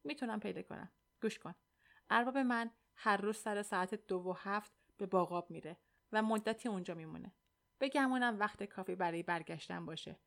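A woman reading the hushed lines of a gaunt, weary young man who is held as a slave, in an audiobook. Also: creaky. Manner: low hushed speech.

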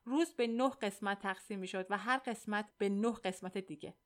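A woman reading a novel aloud in the first person, in a steady, measured storytelling voice. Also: medium pitch. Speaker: audiobook narrator.

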